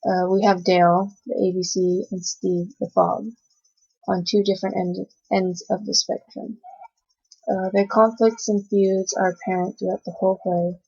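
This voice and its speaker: A young American woman who grew up speaking Cantonese first gives a class oral presentation, reading from notes and hesitating often. Her medium-pitched voice is gravelly, warm, and husky, with a level tone and moderate pace. The recording sounds dull and lo-fi.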